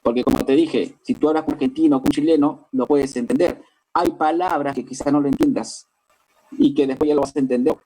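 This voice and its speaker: Warm and mid-range, this man's voice moves briskly with fairly even intonation as he teaches a language class. He is Peruvian, speaks with a Lima accent, explains each point in sequence, and keeps asking his listeners whether they're with him. The audio is poor.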